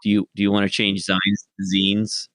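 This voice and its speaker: A man's voice: fairly low pitch, completely flat delivery, moderate pace, bright, forceful tone, dry recording, clean studio sound. A man running a tabletop game, chatting and laughing easily with his players over a remote call. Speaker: game master. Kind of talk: casual chat among players.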